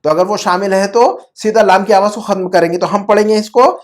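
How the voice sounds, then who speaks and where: Patient teacher on a video call class. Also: mid-range voice. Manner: patient, repeats words and checks understanding often; mixes English terms into explanations. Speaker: Arabic teacher. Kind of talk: online class explained in Urdu.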